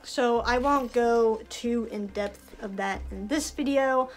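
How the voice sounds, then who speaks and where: A woman's voice: on the high side, takes it slowly. A young woman talking casually in a vlog, chatty and full of fillers, her voice a bit tired. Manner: chatty, lots of "like", frequent laughs. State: voice tired from projecting. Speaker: festival cast member vlogger.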